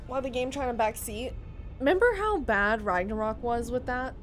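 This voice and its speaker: A woman's voice: a little high, normal speed. A woman livestreaming a video game, chatting casually with viewers, swearing freely and laughing often. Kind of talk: casual gameplay chat. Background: game music.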